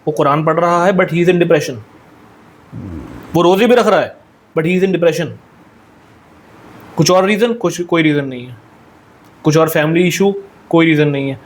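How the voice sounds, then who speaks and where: A man's voice: on the high side, measured pace, pauses often. A young man talking earnestly as a podcast guest, repeating points and mixing English phrases into his speech. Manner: earnest, repetitive, mixes English phrases into Hindi-Urdu. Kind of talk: conversational discussion.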